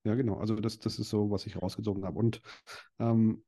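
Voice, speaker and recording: Hesitant man with a mellow low voice. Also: steady tone, a little fast, husky. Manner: hesitant, many fillers and restarts. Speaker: podcast guest, dental practice owner and event organizer. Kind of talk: casual interview chat.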